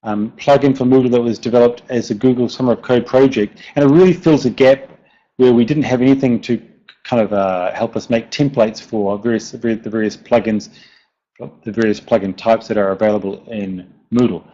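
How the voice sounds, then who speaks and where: Dull lo-fi online audio carries a software developer's informal technical presentation. He has a broad New Zealand accent, a warm, steady mid-range voice and a moderate pace, and he often hesitates and repeats words.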